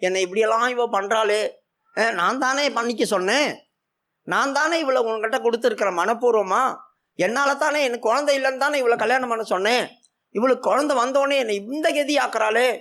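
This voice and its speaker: A preacher voicing a grieving barren wife. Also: male voice, extremely high pitch, a little fast, sharp tone. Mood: aggrieved. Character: grieving barren wife pouring out her heart.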